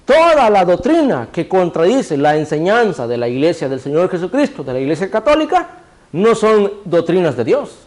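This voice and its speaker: Male preacher, high voice, sermon delivery, rhetorical questions answered himself, cues a reader to repeat verses. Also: big pitch swings, moderate pace, a little mellow. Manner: asks the congregation rhetorical questions and answers them; directs a reader to repeat scripture phrases.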